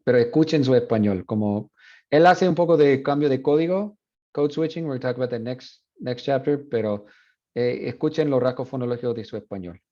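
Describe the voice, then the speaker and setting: A man with a mid-range voice teaches a university Spanish class at a normal speed, explaining a dialect's features and switching between Spanish and English. He sounds relaxed and explanatory, using fillers, and the recording is muffled.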